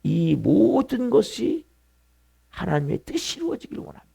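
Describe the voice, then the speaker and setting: A middle-aged male pastor delivers an early-morning sermon in a church sanctuary. His voice sits slightly high for a man and carries a gravelly edge. He drives home points by repeating words and asking the congregation questions. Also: wildly swooping pitch, moderate pace, mellow. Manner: preaching with emphatic repetition and questions to the congregation.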